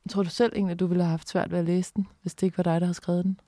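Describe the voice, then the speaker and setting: A woman journalist speaking as a guest in an interview, frank and lively in her talk. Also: on the low side, no echo, clean studio sound. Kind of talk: casual conversational interview.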